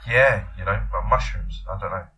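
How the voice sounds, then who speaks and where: Bright-voiced man, musing. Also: on the low side, normal speed, slight background noise. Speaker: podcast co-host. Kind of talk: casual chat.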